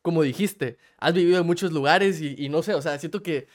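A man's voice: fairly high pitch, fairly quick, a little hiss or hum. A man from Guatemala with a Guatemalan Spanish accent, hosting a casual interview in a chatty, playful way with many restarts. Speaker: interviewer host.

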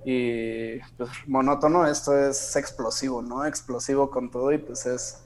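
A man's voice: mid-range voice, steady tone, unhurried. A Mexican man as a radio guest, talking in a laid-back way with many fillers. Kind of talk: casual radio interview.

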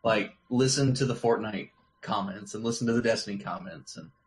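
A man's voice: fairly low pitch, fairly even intonation, brisk, slight background noise, low-quality recording. A man co-hosting a gaming podcast in casual chat, talkative and joking, full of filler words. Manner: chatty, filler-heavy, joking. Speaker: podcast co-host.

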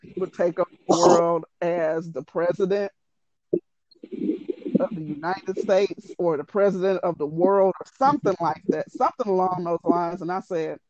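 A woman's voice: lowish voice, moderate pace, darkish tone, no room sound. A woman animatedly retelling a story in casual, profane, exasperated chat. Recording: dull lo-fi dry audio.

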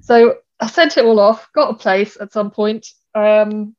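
Slow-ish and medium in pitch, a German-raised woman architect responds to an interviewer as a guest, pondering her answers and frequently starting over or using fillers. The recording is muffled.

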